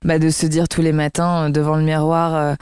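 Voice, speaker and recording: A woman's voice: deep voice, flat delivery, a little fast, a little mellow, smooth. A woman hosting a casual radio interview, asking questions in an informal way.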